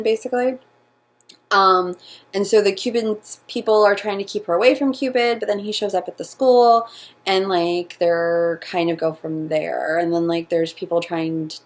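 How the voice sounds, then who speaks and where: A woman's voice: mid-range voice, fairly even intonation. A young American woman co-hosting a book review chat, talking casually with plenty of "like" fillers and firm opinions. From United States. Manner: chatty, many "like" fillers, quick opinions.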